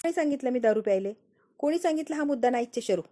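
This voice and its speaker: A woman plays a defensive young woman who insists again and again that she is innocent. Her voice is a little high and runs fast, with a dark, mellow tone. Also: animated. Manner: insistent, protesting.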